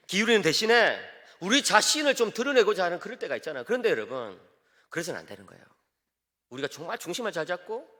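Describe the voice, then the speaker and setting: Middle-aged guy preaching, high voice swinging all over, long church echo. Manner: animated, storytelling with emphatic repetition. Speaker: pastor and theology professor. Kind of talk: sermon. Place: large church. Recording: reverberant church hall.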